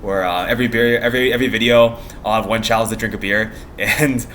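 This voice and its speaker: Fast-rambling young American man, low voice. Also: steady tone, fairly bright tone, slight background noise. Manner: meandering, giggly, trails off mid-thought. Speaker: vlogger. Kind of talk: casual rambling vlog chat.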